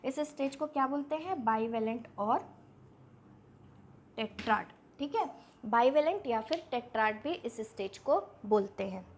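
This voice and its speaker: A woman's voice: on the high side, animated, normal speed, a little mellow, slight background noise. A woman teaching a biology lesson step by step, posing questions to her students and answering them herself. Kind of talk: online exam-prep lesson.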